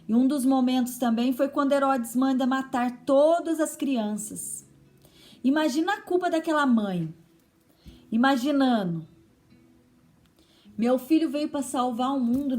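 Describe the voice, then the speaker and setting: A woman's voice: on the high side, darkish tone. A woman with a Brazilian Portuguese accent giving a conversational sermon to mothers, often checking in with her listeners. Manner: chatty teaching tone with frequent tag questions. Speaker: women's ministry preacher.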